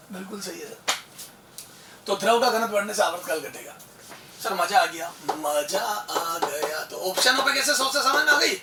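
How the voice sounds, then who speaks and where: A male physics teacher giving an animated exam-prep lecture, asking rhetorical questions and calling the student son. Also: high voice, far from the mic, a little hiss or hum. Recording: echoey room, voice off-mic.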